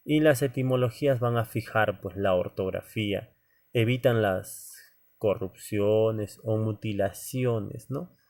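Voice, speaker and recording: A male teacher with a fairly low, darkish voice lectures students informally and slowly. He addresses them directly as "joven," checking in with frequent "¿no?" tags and fillers.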